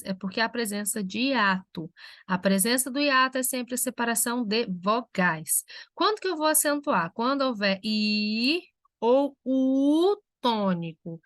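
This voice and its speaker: A woman's voice: fairly high pitch, fairly bright tone, no room sound. Woman teacher in a dry lecture. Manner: slow, spelled-out examples for students. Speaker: Portuguese language teacher. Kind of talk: recorded lecture.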